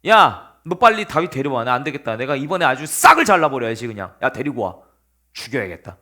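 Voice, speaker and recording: A man voicing a furious, jealous old king who yells insults and threats in a sermon retelling. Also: mid-range voice, big pitch swings, brisk, voice pushed down. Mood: menacing. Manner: yelling, insulting, menacing.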